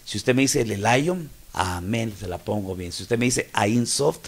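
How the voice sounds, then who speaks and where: Man, Mexican Spanish accent, pastor, gravelly, Bible study teaching, asks if people follow. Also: medium pitch, lively intonation, normal speed. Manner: explanatory, asks listeners if they follow.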